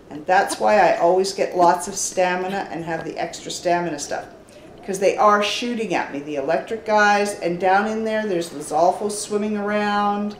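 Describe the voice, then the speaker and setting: An older woman running a gaming channel chats through her play step by step. Her voice is mid-range, and the recording has a roomy echo with slight background noise.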